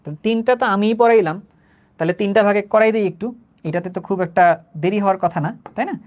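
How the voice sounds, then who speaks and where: Male tutor, rapid and chatty online lecture, keeps asking if it's clear. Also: high-pitched, a little mellow. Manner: conversational, repeats phrases, checks understanding often. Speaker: chemistry teacher.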